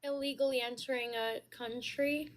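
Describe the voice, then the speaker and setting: A caller, a woman in her twenties from the United States, speaks in a very high, steady-toned voice during a casual debate. She starts out halting, then turns insistent.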